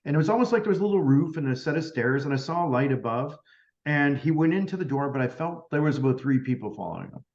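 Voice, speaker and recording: In a roomy, somewhat dull recording, a podcast guest who is a medium relates an experience in casual conversation. His voice is a little high and darkish, fast with lively intonation, and he plays both sides of each dialogue while peppering his speech with "like."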